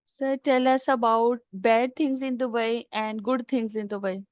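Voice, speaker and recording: Woman interviewer, polite and hesitant; fairly high, smooth voice, dry sound. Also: steady tone, unhurried, a little mellow, no echo. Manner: polite, hesitant, addresses guest as sir. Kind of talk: interview questions.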